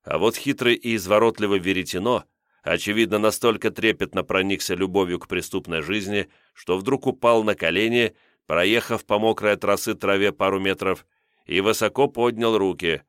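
A man narrating an audiobook in a steady, grave reading style. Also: lowish voice, normal speed, clean tone, no echo, clean studio sound. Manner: steady, grave reading of a wartime crime novel. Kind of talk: scripted narration.

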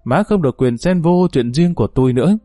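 A man's voice: fairly high pitch, expressive, fairly quick, mellow, no room sound, studio quality, faint music behind, close to an everyday voice. Man voicing Đào, a blunt defiant young woman. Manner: blunt, indignant. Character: defiant young widowed woman, sharp-tongued.

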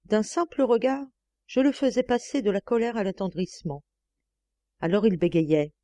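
A woman narrating a novel in the first person as an audiobook reader, with a measured, expressive reading. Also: medium pitch, no room sound.

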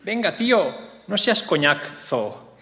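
A man voicing a flighty young woman pining for her ex, with a shrill, exaggerated comic delivery. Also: sing-song, slow, sharp tone, in a large hall, heavily acted. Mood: mocking, pleading.

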